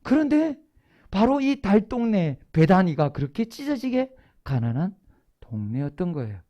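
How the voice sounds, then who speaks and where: Lively preacher with a swinging pitch. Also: normal speed, lo-fi sound. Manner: lively storytelling, asking the congregation questions and answering them. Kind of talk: sermon. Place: church sanctuary.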